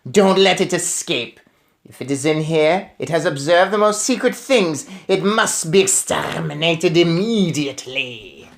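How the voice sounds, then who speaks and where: A woman putting on a cruel witch leader, imperious and barking orders in a raised, lively voice. She sounds commanding in a storybook reading. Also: sits low, unhurried, creaky, voice pushed up, full character voice.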